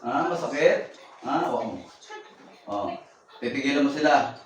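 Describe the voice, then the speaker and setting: A man's voice: mid-range voice, normal speed. A man working as a faith healer, commanding and repeating short questions and chanting incantations during a rite. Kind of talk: interrogating a spirit during a healing rite. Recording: echoey, distant, noisy room recording.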